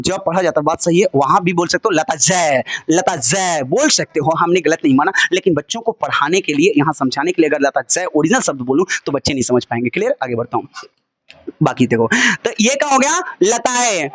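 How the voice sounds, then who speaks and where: A man with a lively high voice teaching Sanskrit in a Bhojpuri-inflected way. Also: a little fast, dry recording. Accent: Bhojpuri-inflected Hindi. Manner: sing-song chanting of word forms, joking and coaxing. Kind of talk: classroom lesson with call-and-response drills. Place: classroom with children.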